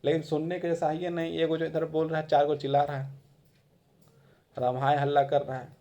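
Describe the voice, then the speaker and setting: A man's voice: fairly high pitch, level tone, fairly quick, warm tone. A man giving a classroom lecture in a conversational way, repeating phrases for emphasis. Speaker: teacher.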